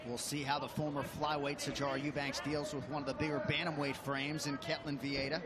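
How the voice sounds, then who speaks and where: A man's voice: a little high, flat delivery, brisk, a loud crowd. A man doing play-by-play on a live fight broadcast in a polished, articulate way. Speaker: play-by-play commentator. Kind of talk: live sports commentary.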